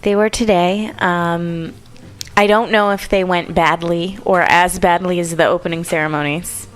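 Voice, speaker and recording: A woman's voice: lowish voice, steady tone, moderate pace, faint music behind. A woman co-hosting a radio studio podcast, reading out the news with playful, teasing banter. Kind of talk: casual banter.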